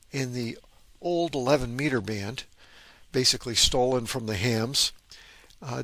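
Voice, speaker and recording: Medium in pitch, a bit bright, and creaky, this man's voice has no echo. He's the host of a vintage radio hobby channel, informally narrating about radio gear with enthusiasm and wry side comments.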